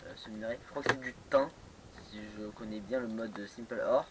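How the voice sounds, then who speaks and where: A man's voice: fairly low pitch, fairly even intonation, a little fast, very noisy. A man giving casual let's play commentary on a modded game, hesitant, with many fillers and restarts. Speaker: gamer playing a modded block-building game.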